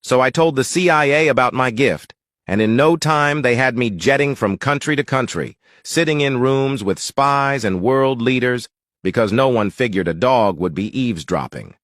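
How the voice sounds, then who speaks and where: A man's voice: mid-range voice, expressive, normal speed, a bit bright, no room sound, natural voice. Guy doing a talking dog in a joke, retired spy bragging matter-of-factly, dry recording. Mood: casual boasting. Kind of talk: joke telling.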